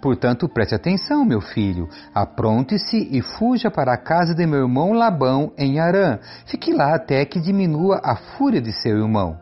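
A man's voice: on the high side, very animated, normal speed, few pauses, slightly rough, highs cut off. A man reading as an urgent, worried mother. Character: anxious mother warning her son.

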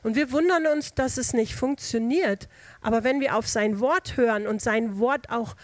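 A woman's voice: fairly high pitch, normal speed, no room sound. Woman giving a homely, chatty sermon. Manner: homely, conversational, with everyday examples and fillers; restarts and hesitations. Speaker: lay preacher. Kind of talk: informal sermon.

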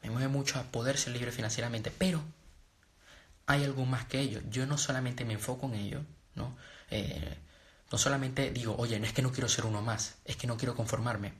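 A young Venezuelan coach in personal development and trading talks a little fast, his mid-range voice fairly even in intonation. His casual live-stream message to viewers is earnest and motivational but rambling, full of restarts and fillers.

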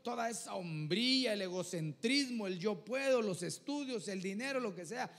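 High-voiced male preacher, echoing hall. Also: lively intonation, normal speed, gravelly, a bit bright. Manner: addresses listeners as "hermano", keeps asking "¿verdad?"; earnest, conversational preaching with vivid examples. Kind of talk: sermon.

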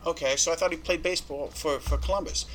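A man's voice: on the high side, fast, a little hiss or hum, rough recording. A man telling a story as a podcast guest in casual, profane talk, acting out the people he quotes. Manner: animated, profane, acts out quoted dialogue.

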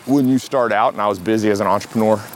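An American man hosting a podcast in casual solo talk while walking briskly outside. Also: lowish voice, fairly even intonation, poor audio. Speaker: podcast host. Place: outdoors in a city park, on the move. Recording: outdoor city noise, traffic hum. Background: street and outdoor city ambience with vehicles.

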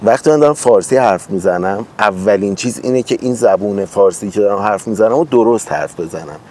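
A man with a Tehran accent hosting a casual conversation, explaining his points calmly with examples. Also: fairly low pitch, a little hiss or hum. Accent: Tehran Persian. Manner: relaxed, thoughtful, explains with examples. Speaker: host.

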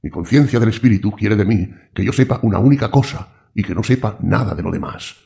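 A man reading a philosophical audiobook in a measured, grave manner. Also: on the low side, creaky, warm tone. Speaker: audiobook narrator.

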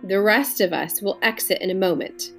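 Madam Pong, a woman doing a cool, firm-yet-soft commander. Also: medium pitch, moderate pace, soft background music, natural voice. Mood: commanding.

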